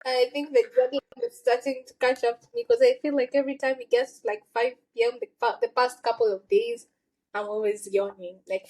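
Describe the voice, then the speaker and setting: Chatty young Kenyan woman, higher voice. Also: a little mellow, low-quality recording. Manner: chatty, filler-heavy, often laughing. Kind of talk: casual chat.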